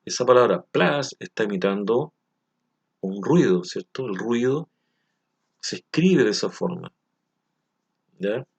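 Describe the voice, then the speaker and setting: In a recorded children's language lesson, a man explains things slowly and patiently, frequently stopping to ask if the listener understands. His voice is on the low side, animated and slightly rough with vocal fry, and the recording's highs are cut off.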